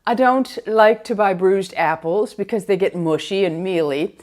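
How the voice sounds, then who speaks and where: A woman's voice: medium pitch, moderate pace, darkish tone. A middle-aged woman beauty vlogger in a casual get-ready-with-me chat, rambling conversationally and talking straight to viewers.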